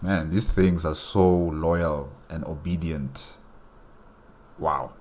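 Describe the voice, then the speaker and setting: A man's voice: rumbling low, slow, darkish tone, a little hiss or hum. A man hosting a casual game reaction, musing aloud and searching for words. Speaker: reaction video host.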